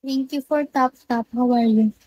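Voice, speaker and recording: A woman's voice: on the high side, steady tone, a little slow, a little mellow, husky, rough recording. A Filipino woman live streamer with missing front teeth, chatting casually and playfully with her viewers. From Philippines. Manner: teasing, playful banter.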